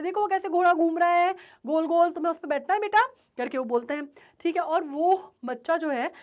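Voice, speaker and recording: A woman teacher explaining a chapter, mixing English terms into her speech and often checking in with the class. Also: sits high. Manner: explains with frequent check-in questions; mixes Hindi and English terms.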